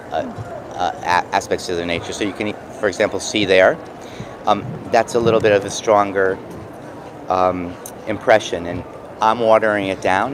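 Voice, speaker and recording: A man with a New York accent casually explaining and demonstrating craft products, pausing mid-sentence as he works. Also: lowish voice. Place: busy convention booth. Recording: noisy trade show floor background.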